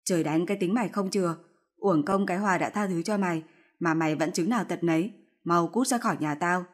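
A woman's voice: fairly low pitch, fast, lightly acted. A woman voicing a fierce older mother-in-law who scolds harshly in a storybook reading. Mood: furious scolding.

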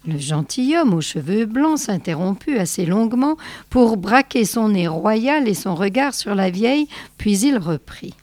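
Woman reader, unhurried storytelling, dry close sound, measured delivery. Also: mid-range voice, sing-song, a little mellow, no room sound. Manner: slow, measured reading. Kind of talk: reading a short story aloud.

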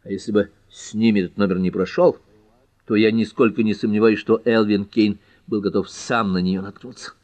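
A man reading a dry, sharp-witted detective. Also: lowish voice, steady tone, fairly quick, dry recording, lightly acted. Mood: dry, confident. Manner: dry, reasoning, confident. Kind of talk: audiobook character reading.

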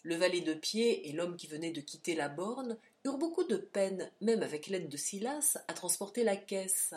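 A woman narrating a classic novel aloud as an audiobook reader, with expressive, varied delivery. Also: on the low side, moderate pace. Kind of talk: literary narration.

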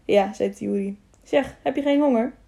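A woman's voice: on the high side, normal speed, gravelly, warm tone. A woman reading the part of an earnest young male squire who speaks with urgency.

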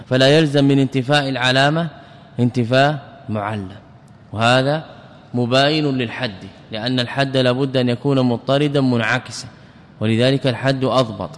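A man's voice: medium pitch, in a large hall. A man teaching classical Arabic grammar in a recorded lesson, methodical and repeating key terms as he explains.

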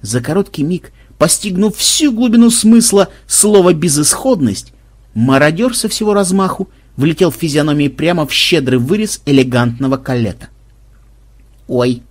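A man's voice: fairly high pitch, expressive, normal speed, few pauses. A man narrating an audiobook expressively, giving each character a voice.

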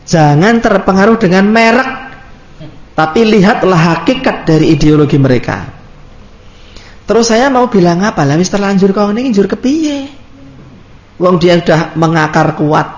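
A man's voice: high voice, roomy sound. A man with a Javanese accent giving a religious study lecture in a conversational way, acting out little anecdotes. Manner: conversational, mixes in Javanese, animated acted-out anecdotes. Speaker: Islamic preacher.

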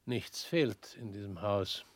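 A man with a lowish voice performs the part of a weary former prosecutor for a radio play. The delivery is measured and searching, now and then dropping nearly to a whisper, recorded without echo.

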